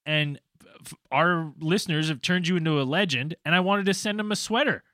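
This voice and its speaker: A man's voice: fairly high pitch, fairly quick, sharp tone, dry recording, studio quality. A man co-hosting a podcast, chatting casually and laughing along, loose and profane. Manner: laughing, loose, swears freely. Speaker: podcast co-host. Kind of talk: casual chat.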